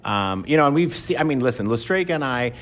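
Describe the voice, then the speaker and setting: A man's voice: medium pitch, expressive, fast talker, fairly bright tone. A man being interviewed about returning to the restaurant business, answering in a rambling, friendly way. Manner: rambling, friendly, self-correcting. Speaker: guest, restaurateur.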